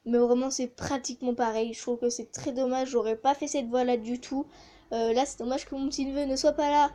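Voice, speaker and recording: A woman's voice: sits high, steady tone, fairly quick, warm tone. A woman chatting casually in a vlog, with many hesitations, reviewing voice changer effects. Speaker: gaming YouTuber testing a voice changer app.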